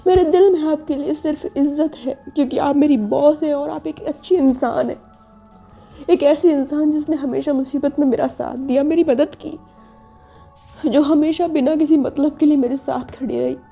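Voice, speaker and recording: A woman's voice: high-pitched, fairly even intonation, normal speed, mellow, faint music behind, pitched above the performer's own voice. A woman voicing an earnest pleading young employee. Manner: insistent, repetitive pleading.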